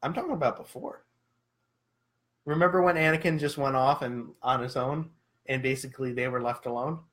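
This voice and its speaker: A man's voice: mid-range voice, steady tone, brisk, fairly bright tone, rough recording. A young man co-hosting a casual podcast chat, joking and theatrical. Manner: jokey, theatrical. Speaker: podcast co-host.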